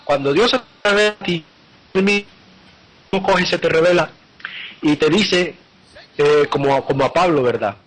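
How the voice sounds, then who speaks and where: Earnest preaching man, fairly high voice. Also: normal speed, long pauses, fairly bright tone, rough recording. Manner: earnest, repeating and restarting phrases while retelling scripture. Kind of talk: live sermon.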